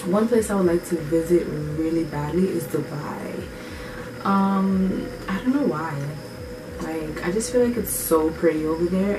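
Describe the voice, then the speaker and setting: Low-voiced woman chatting in an echoey room. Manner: rambling, filler-heavy, lots of "like" and "um". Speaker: vlogger answering viewer questions. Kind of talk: casual Q&A chat. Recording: echoey room, mic at a distance, noisy background.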